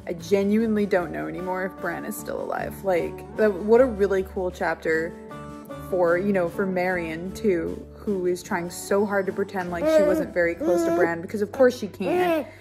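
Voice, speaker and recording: A woman's voice: fairly low pitch, normal speed, gravelly, music in the background. A young woman chatting casually about a book she is reading, rambling a little and making self-deprecating asides, recorded at home in a living room on a tablet's built-in mic. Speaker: book club vlogger. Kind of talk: casual book discussion chat. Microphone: tablet built-in mic, close and low.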